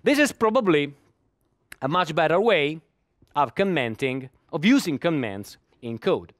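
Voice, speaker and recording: Speaking English at a developer conference, a middle-aged man from Italy, a native Italian speaker, uses a fairly high voice and often stammers through repeated words, with small laughs, while he searches for what comes next. He is very animated but a little slow in this technical talk, and the sound is dry and close, with no room sound.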